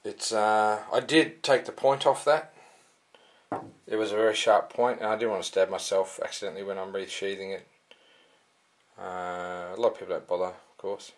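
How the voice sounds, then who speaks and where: A man's voice: lowish voice, fairly even intonation, moderate pace. A man giving a casual, rambling product review with many fillers and restarts. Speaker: sword reviewer.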